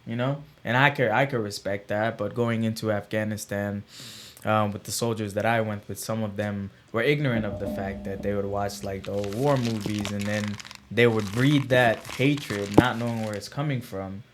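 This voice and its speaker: A man from Guyana hosting a podcast, talking in a relaxed, affirming way with lots of "man" and "like". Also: lowish voice, moderate pace, slight background noise. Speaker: podcast host, military veteran. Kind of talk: casual podcast chat.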